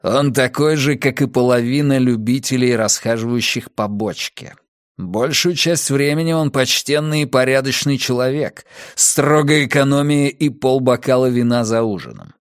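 A male reader voicing a cold, calculating young gang leader in an audiobook, giving orders in a flat, commanding way. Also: medium pitch, normal speed, no room sound, studio quality, natural voice. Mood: cool.

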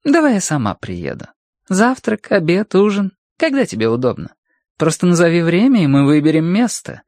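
A man's voice: high-pitched, wildly swooping pitch, moderate pace, darkish tone, no echo, clean studio sound, voice pushed up, exaggerated voice. A man reading an audiobook voices a flirtatious woman gallery owner who purrs and teases. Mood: purring, teasing. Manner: purring, teasing, playful.

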